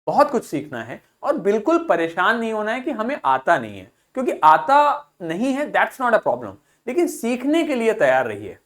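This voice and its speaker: Woman, English pronunciation teacher, animated pitch, patient, repeats herself. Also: moderate pace, hardly any pauses. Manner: patient, repeats key points and asks "ठीक है". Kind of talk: online class lecture.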